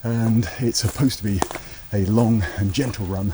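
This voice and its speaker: A man's voice: on the low side, fairly even intonation, normal speed. A British man chatting casually to camera as a running vlogger. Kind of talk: casual vlog chat to camera. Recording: noisy vlog recording with clicks.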